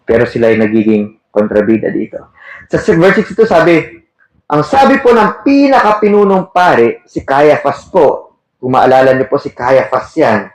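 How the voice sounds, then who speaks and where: A man's voice: mid-range voice, sing-song, normal speed. A man preaching a sermon, reading verses and asking his listeners questions, mixing English terms into his talk. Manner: asks the audience questions, switches between Tagalog and English terms. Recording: echoey room.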